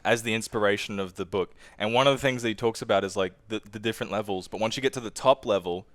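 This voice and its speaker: Smooth-voiced young Australian host. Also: male voice, on the low side, fast talker, fairly bright tone, no echo. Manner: chatty, laughs easily, acts out quotes. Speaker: podcast host. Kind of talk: casual interview.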